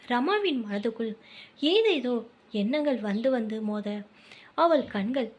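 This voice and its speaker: A woman's voice: on the high side, lively intonation, measured pace. A woman with a Tamil accent reading a family short story aloud, telling the narration and the characters' lines in the same voice. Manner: reads dialogue and narration in one voice.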